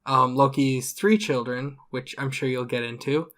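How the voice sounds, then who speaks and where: Bright-voiced man chiming in with facts. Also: mid-range voice, steady tone, normal speed. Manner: well-read, chimes in with facts, laughs a lot. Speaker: podcast co-host. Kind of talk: casual podcast banter.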